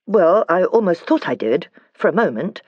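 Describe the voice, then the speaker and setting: A man voicing an eager, excitable young boy. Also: sits high, normal speed, slightly rough, no echo, highs cut off, pitched above the performer's own voice, heavily acted. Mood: excited.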